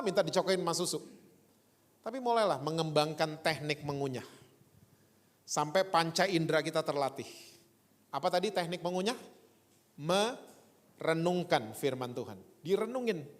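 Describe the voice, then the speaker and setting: A man preaching a sermon in a church, telling a lively story and acting out voices in his quotes. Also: sits high. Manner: animated storytelling with voiced quotes, speaks of his former stutter. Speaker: pastor. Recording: long church hall reverb.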